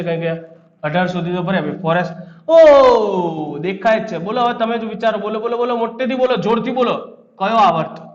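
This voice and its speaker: A man with a Gujarati accent giving a chemistry lecture, quizzing his students and then answering his own questions. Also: high voice. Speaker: chemistry teacher. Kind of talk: classroom lecture. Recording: echoey room, dull lo-fi sound.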